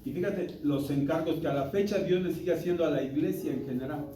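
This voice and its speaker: A man's voice: a little high, a little fast. A man teaching an interactive church Bible lesson, talking in an emphatic, conversational way and quizzing the listeners. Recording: roomy hall, distant mic, music behind.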